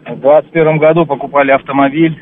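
A man's voice: fairly high pitch, fairly even intonation, quick pace. A man calling in to a radio show by phone, talking hesitantly as he searches for details. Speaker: caller. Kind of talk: phone-in conversation. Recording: muffled phone call with car noise.

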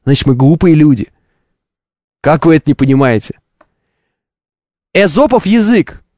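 A man's voice: mid-range voice, brisk, mellow, no room sound, studio quality. A man hosting a live stream, delivering an opinionated, didactic monologue with emphatic rhetorical questions and ironic asides.

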